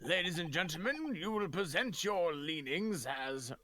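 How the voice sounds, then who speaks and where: A man playing a stern, stately courtroom judge in a video game read-aloud, speaking formally and deliberately. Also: on the high side, lively intonation, pushed and bright, slight background noise. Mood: solemn, formal.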